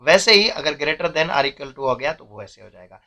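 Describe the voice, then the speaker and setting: A young man teaching math, his voice bright and a little high. He explains step by step in a patient classroom manner, checking in often. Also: lively intonation, moderate pace. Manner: explains step by step, often says "theek hai".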